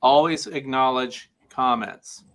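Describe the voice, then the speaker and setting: A man chatting as a guest on a livestream video call, giving advice with deadpan dry humor. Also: mid-range voice, takes it slowly. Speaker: guest beekeeping video maker. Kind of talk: casual livestream chat.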